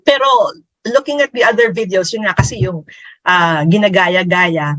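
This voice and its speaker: A woman's voice: lowish voice, normal speed, fairly bright tone, no room sound, poor audio. A woman in her fifties, co-hosting a casual podcast chat, who laughs often and switches between Tagalog and English. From Philippines. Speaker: podcast co-host.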